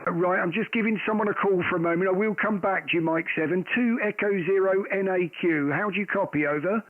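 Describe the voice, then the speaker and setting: A man with a fairly high voice hosts a radio session in a chatty, rambling style. The sound is dry and very narrow in band, like a radio. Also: fairly quick, no echo. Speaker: host of a live amateur radio stream. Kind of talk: casual radio chat and call-sign exchanges.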